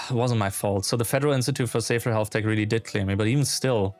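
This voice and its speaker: A man's voice: fairly low pitch, fast, soft background music, pitched below the performer's own voice, close to an everyday voice. A man voicing a weary, self-doubting lizard doctor in a game, brooding and hesitant. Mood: regretful.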